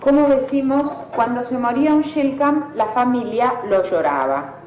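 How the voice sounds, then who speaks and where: A woman's voice: fairly high pitch, expressive, moderate pace. A woman, patiently asking set prompts in an elicitation interview. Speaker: linguistic fieldworker. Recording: echoey, dull old field recording with faint hiss.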